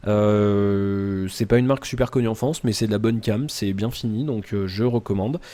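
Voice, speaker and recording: A man talking casually to his viewers in a daily vlog, answering their comments one by one. His voice is soft and mellow, and he rambles with lots of fillers and false starts. He speaks to the viewer directly and informally. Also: fairly low pitch, normal speed. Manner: rambling, many "euh" fillers and restarts.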